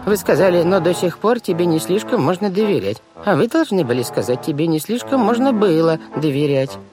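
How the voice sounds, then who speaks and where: A high, lilting, prim older aunt, put on by a male narrator, nervous and pedantic as she corrects everyone's grammar. Her voice swoops with fussy precision over music. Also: sing-song, a little fast. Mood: lecturing. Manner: prim, lecturing, shaky. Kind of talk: audiobook character voice.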